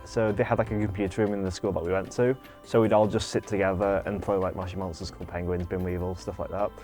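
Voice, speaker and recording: Young lad, deep voice, talks quick. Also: male voice, little pitch movement, darkish tone, faint music behind. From Wigan, England. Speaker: interviewee.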